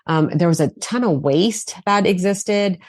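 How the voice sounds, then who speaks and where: Low-voiced woman dentist, lively talk. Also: unhurried, dry recording, studio quality. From India. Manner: animated, with many fillers and repeated words. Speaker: guest, dentist. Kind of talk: casual interview talk.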